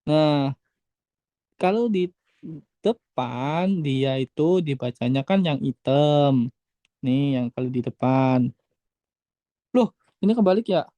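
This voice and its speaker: A woman's voice: deep voice, expressive, takes it slowly, long pauses, dark tone, dry recording. A woman teaching a language class online in a casual way, often repeating herself and correcting herself mid-sentence. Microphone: video call.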